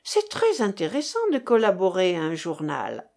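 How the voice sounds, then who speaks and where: A woman's voice: on the low side, wildly swooping pitch, moderate pace, creaky, a little mellow, exaggerated voice. A woman voicing a cheerful, eager young woman student in a novel reading.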